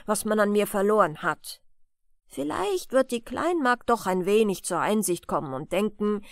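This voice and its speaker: A woman's voice: medium pitch, no room sound. A homesick male donkey from a bedtime storybook, polite and a touch self-pitying, as a woman reads him out. His voice swings freely up and down, close and dry with no room sound.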